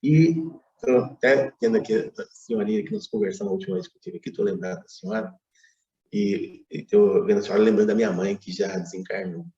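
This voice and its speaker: A man's voice: lowish voice, brisk, mellow, echoey room, lo-fi sound. A Brazilian man giving a spiritist public lecture, telling a story with frequent asides and tag questions. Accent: Brazilian Portuguese. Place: lecture hall.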